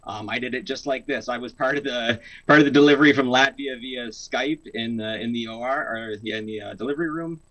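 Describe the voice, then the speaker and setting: A man's voice: mid-range voice, a little fast, few pauses, a bit bright, highs cut off. Earnest young Canadian man, filler-heavy. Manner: earnest, many fillers and restarts. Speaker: guest. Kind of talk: casual interview talk.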